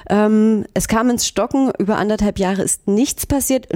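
Radio host, woman, mellow studio read with a dry sound, casual and hesitant. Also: medium pitch, no room sound. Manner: casual, with frequent hesitation fillers. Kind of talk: radio magazine presenting. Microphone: studio microphone.

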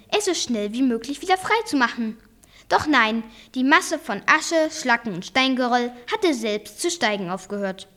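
High-voiced girl reading a book aloud. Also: a bit bright. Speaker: student reader.

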